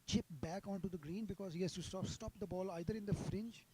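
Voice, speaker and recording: A man's voice: sits high, steady tone, a little fast, darkish tone, husky, dry recording. A man giving live golf commentary, sympathetic toward the players.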